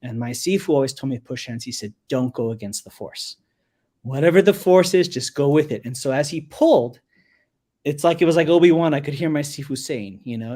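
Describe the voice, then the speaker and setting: A man in his forties telling a story in a relaxed, talkative way, often repeating words as he goes. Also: a little high. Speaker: resident kung fu master. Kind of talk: casual storytelling on a live show.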